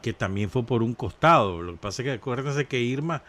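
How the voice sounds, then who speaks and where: A man's voice: medium pitch, animated, a little fast, a bit bright. A man with a Nicaraguan Spanish accent, co-hosting a radio show in unscripted current-affairs chat.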